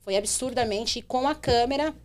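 A young adult woman, a rideshare driver telling a story on a podcast in an animated way. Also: on the high side, normal speed. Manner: animated, acts out quotes in her telling.

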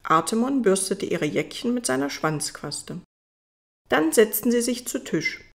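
A woman reading a fairy tale audiobook as its narrator, in a calm storytelling manner. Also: on the high side, measured pace, creaky.

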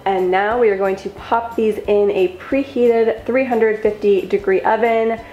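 A woman's voice: medium pitch, steady tone, a little slow, warm tone, reverberant, dull audio, soft background music. Upbeat young woman walking through meal prep. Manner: upbeat, chatty, step-by-step instructions. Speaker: lifestyle vlogger. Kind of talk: cooking vlog voice-over. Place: home kitchen.

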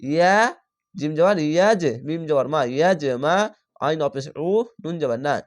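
A man teaching Quran reading who spells each word out slowly, syllable by syllable, then chants the whole word, and explains the rules patiently. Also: a little high. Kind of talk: spelling-out Quran recitation lesson.

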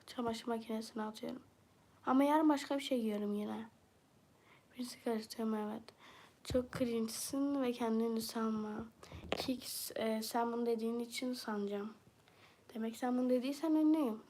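A woman's voice: a little high, a little mellow. Chatty woman streamer with southeastern Turkish accent. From southeastern Turkey. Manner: chatty, reads viewer comments aloud and answers them bluntly. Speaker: livestreamer. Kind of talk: casual livestream chat.

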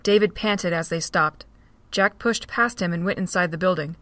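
A woman's voice: on the low side, moderate pace, fairly bright tone, no room sound. Woman narrating a fan audio drama.

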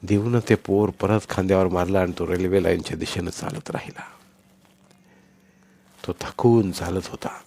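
A man reading a short story aloud in a dramatic, measured way. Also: deep voice, steady tone, vocal fry, darkish tone. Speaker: audiobook narrator. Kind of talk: scripted story narration.

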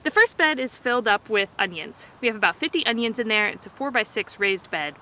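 On her outdoor gardening vlog, a woman in her thirties explains what she's doing in a chatty, animated way, her fairly high voice moving fairly quickly. She speaks over music, the audio is poor, and outdoor background noise is clear.

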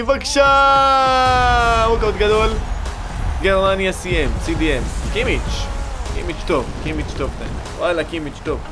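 A young man giving excited, slangy commentary while opening game packs, pleading for good cards and shouting at big pulls. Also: fairly high pitch. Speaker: gaming YouTuber. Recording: music playing underneath.

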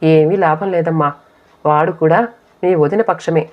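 A woman's voice: sits low, fairly even intonation, measured pace. A woman voicing a sick, sorrowful elderly mother who pleads tearfully in an audiobook reading. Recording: dull lo-fi audio.

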